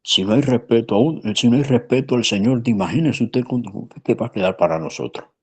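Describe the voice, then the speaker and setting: A man's voice: mid-range voice, a little fast, slightly rough. A man, a pastor, telling a story in conversation in an earnest, emphatic way. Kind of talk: preaching in conversation.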